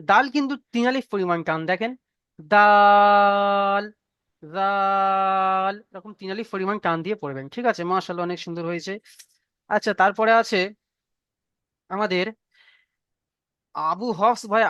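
A man's voice: sits high, a bit bright, no echo, lo-fi sound. Patient male teacher on a video call. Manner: patient, repeats praise and drawn-out letter sounds. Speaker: Quran reading teacher. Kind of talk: online class teaching Arabic letters.

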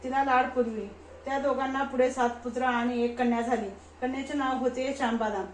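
A woman reads a devotional tale aloud at home, keeping a steady, even pace with the odd slip. Her voice is fairly high and stays flat, with little rise and fall. The room is echoey and has a faint hiss. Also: moderate pace. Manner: steady reading with small slips and restarts. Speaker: reader of a devotional story. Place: at home by a prayer altar.

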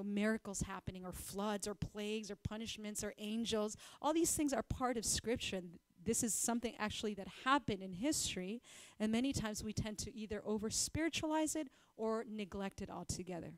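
A woman's voice: mid-range voice, a little fast, dry recording. A woman giving a Bible teaching at a church fellowship, talking conversationally with frequent ums and uhs. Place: church prayer-house gathering.

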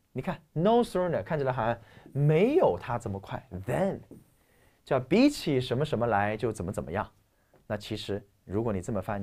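A man teaching English vocabulary in a recorded lecture, lively and emphatic, dropping into soft asides as he explains words. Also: mid-range voice.

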